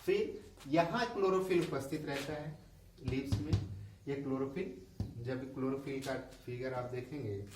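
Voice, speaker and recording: A man's voice: mid-range voice, fairly even intonation, a little slow, background noise. A male school science teacher with a Hindi accent, explaining a lesson and asking questions that he answers himself. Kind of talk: classroom lesson explaining diagrams. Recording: echoey room, voice a bit far from the mic.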